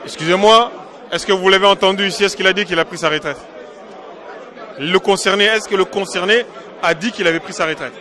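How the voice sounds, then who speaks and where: A man's voice: high-pitched, a little fast, pushed and bright, a faint crowd. A man from Congo, a diaspora political activist, answering interview questions in an emphatic, insistent way and repeating his points.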